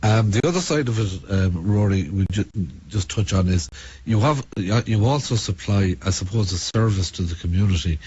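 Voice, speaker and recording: A man with an Irish accent interviewing conversationally on the radio, framing his questions in a halting way. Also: on the low side, expressive, darkish tone, slightly rough. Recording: dull, faintly noisy radio recording.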